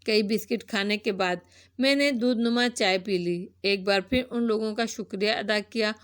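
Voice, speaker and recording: A woman reading a novel aloud as narrator, with a steady storytelling delivery. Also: mid-range voice.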